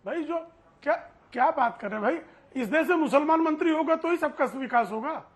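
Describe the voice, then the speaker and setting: A man's voice: very high voice, expressive, a little fast. A man speaking as a party spokesperson in a TV debate, scoffing at the question and arguing back. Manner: scoffing, argumentative. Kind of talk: heated TV debate.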